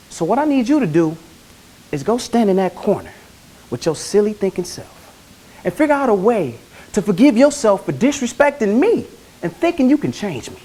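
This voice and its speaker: A woman playing a cocky, smooth-talking male player with a swaggering, slangy manner. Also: medium pitch, dark tone, low-quality recording.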